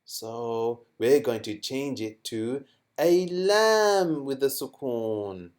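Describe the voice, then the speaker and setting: A man teaching children a lesson in a playful, animated way, asking questions and making sound effects. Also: medium pitch, very slow.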